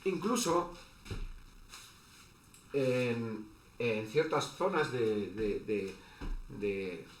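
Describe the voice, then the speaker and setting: A man giving an online lecture as a teacher, halting, with many fillers and restarts. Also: medium pitch, lively intonation. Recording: echoey room with faint background noise.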